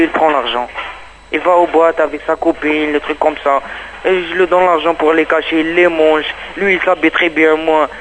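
A man speaks French as a second language, with non-native phrasing, in an agitated personal testimony. He circles back and repeats himself as he talks, and his voice sits somewhat high for a man. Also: fairly bright tone, a little hiss or hum, poor audio. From Palestine. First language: not French. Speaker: undocumented migrant giving testimony.

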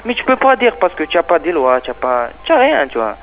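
A man speaks French as a second language, with non-native phrasing, in an agitated personal testimony. He circles back and repeats himself as he talks, and his voice sits somewhat high for a man. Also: sing-song, brisk, soft background music, rough recording. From Palestine. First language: not French. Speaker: undocumented migrant giving testimony.

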